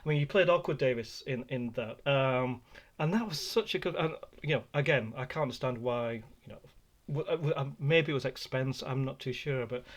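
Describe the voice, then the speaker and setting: A man's voice: mid-range voice, brisk. A man hosting a podcast interview, hesitant with lots of fillers and restarts. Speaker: podcast host. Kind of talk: casual interview.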